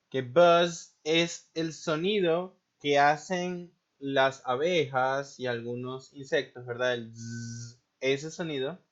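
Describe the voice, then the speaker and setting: Male teacher, patient lesson voice, slightly high pitch, muffled lo-fi sound. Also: a bit bright. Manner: slow and patient, checks understanding with frequent tag questions. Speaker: English teacher. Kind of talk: recorded classroom lesson. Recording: muffled lo-fi recording.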